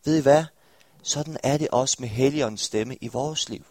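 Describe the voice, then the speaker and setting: This young Danish preacher has a mid-range, somewhat mellow voice, captured in a dry recording. Speaking earnestly to his congregation in a church hall, he keeps asking them questions.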